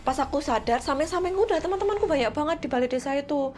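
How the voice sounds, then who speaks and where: A young woman giving a casual, halting testimony about being possessed at a camp, often repeating herself as she recalls. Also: high-pitched, lively intonation, a little mellow, soft background music. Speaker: interviewee recounting a camp possession.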